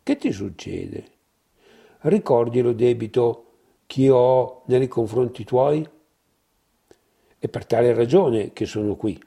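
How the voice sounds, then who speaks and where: A man's voice: medium pitch, animated, slow, gravelly, long pauses, mellow, breathy edge, full character voice. A man voicing a male painter friend who asks puzzled questions. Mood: questioning.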